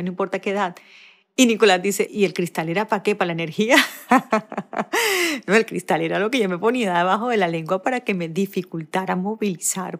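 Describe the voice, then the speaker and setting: Fast-talking Barranquilla woman coach. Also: fairly low pitch. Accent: Barranquilla Colombian. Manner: warm conversational, fast-talking, self-deprecating asides. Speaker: podcast host and coach. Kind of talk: solo podcast monologue.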